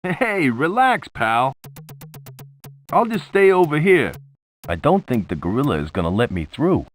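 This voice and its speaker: A wisecracking adventurer pilot. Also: male voice, on the high side, big pitch swings, a little slow, faint music behind. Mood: wry. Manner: wisecracking, laid-back. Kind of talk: video game voice acting.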